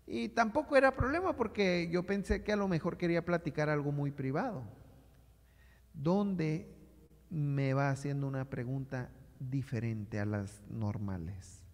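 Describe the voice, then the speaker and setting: A pastor from Hermosillo with a northern Mexican accent, telling a personal story in a lively sermon and acting out the voices. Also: male voice, a little high, a little slow, big-room sound. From Hermosillo, Sonora, Mexico. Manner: animated storyteller, acts out voices.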